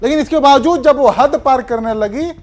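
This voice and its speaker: Pointed high-pitched news voice-over. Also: a little fast, darkish tone, faint music behind. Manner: pointed, sarcastic asides. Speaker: voice-over narrator.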